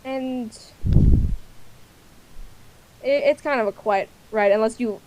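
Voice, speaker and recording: A woman game master narrating a tabletop game casually, improvising in a halting way. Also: on the high side, darkish tone. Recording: noisy recording with clicks.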